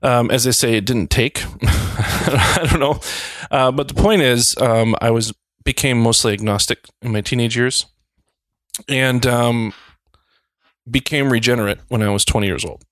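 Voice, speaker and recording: A man's voice: mid-range voice, measured pace, a bit bright, no room sound. Thirties male co-host, mid-range voice, casual and self-mocking, dry close sound. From Wisconsin. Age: 30s. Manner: rambling, self-deprecating, jokey. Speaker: podcast co-host. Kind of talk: casual chat.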